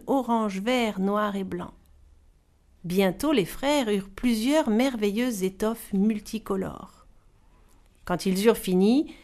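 A woman narrating a storybook tale aloud, expressive and giving each character a voice. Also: fairly high pitch.

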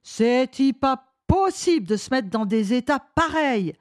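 A woman voicing a grumpy old man who grumbles gruffly in a children's story reading. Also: high-pitched, expressive, unhurried. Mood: grumbling.

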